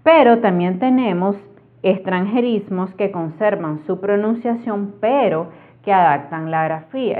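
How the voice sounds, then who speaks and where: A woman with a Latin American Spanish accent gives a methodical grammar lesson, working through one example after another. Her voice sits at an ordinary middle pitch. The sound is thin and narrow, as if it came down a phone line. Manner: clear, methodical explaining with examples. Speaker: Spanish language teacher. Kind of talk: explanatory lesson.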